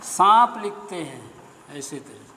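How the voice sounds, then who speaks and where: A male Hindi teacher giving a slow, deliberate grammar lesson, spelling sounds out one at a time. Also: high voice, lively intonation, sharp tone, long reverb tail, slight background noise. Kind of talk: classroom-style explanatory lesson.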